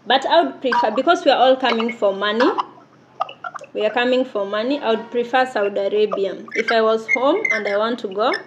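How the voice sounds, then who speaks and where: A woman in her thirties, giving an interview as a domestic worker, earnest and given to laughing. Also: mid-range voice. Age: 30s. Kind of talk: casual interview. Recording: noisy background.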